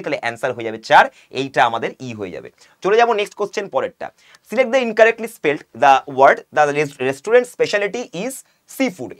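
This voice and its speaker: A young male teacher with a Bengali accent explains exam English, reading questions out slowly and then asking and answering his own questions. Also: fairly high pitch, a bit bright. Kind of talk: exam-prep video lesson.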